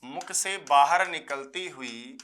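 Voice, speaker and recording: A male Sanskrit teacher gives an exam-prep grammar lecture in a bright, fairly high voice. He repeats phrases slowly and answers his own questions, and he slips in homely jokes for his students. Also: slight background noise. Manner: folksy jokes, addresses students as sir.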